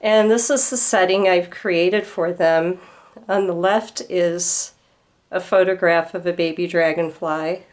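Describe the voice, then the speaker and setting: At home, a student with a lowish voice gently explains her handmade craft display to a camera. Her voice is slightly hoarse from a starting cold, and she speaks slowly and unhurriedly, pausing to explain details.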